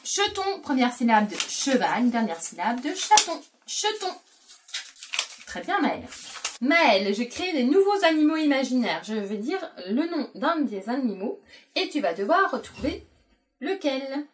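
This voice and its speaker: A fairly high-voiced woman walks parents through a children's learning game in a clear, patient way, giving frequent praise. She sits a little back from the mic, with a faint hiss underneath. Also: sing-song, moderate pace, far from the mic. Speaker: educator presenting a learning game. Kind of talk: instructional explanation and play with a young child.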